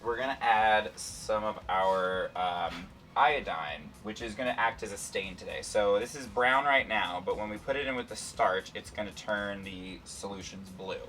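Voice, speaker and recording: A man's voice: on the low side, moderate pace, few pauses, sharp tone, recorded from a distance, slight background noise. A man hosting a playful, casual science lesson and talking through an experiment. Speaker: science show host and demonstrator.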